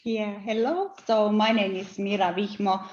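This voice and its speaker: A woman's voice: mid-range voice, steady tone, unhurried, a little mellow. A woman with a Finnish accent introducing her organization in a careful, list-like way. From Finland. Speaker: organization representative. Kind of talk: self-introduction at a meeting. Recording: dull, echoey video-call audio.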